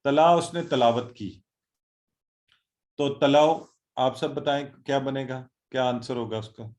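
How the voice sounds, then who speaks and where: A man's voice: mid-range voice, fairly even intonation, darkish tone. Encouraging male Quran teacher on a call. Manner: encouraging, repeats Arabic words slowly and drills students. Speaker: online Quran and Arabic teacher. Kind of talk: live online class, quizzing students. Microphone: video call.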